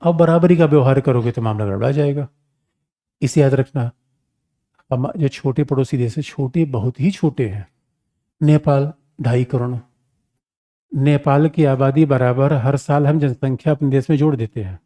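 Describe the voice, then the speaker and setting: A man's voice: mid-range voice, moderate pace, warm tone. A man teaching an exam-prep lecture on international relations, speaking casually and animatedly, calling his students "my children" and asking them rhetorical questions.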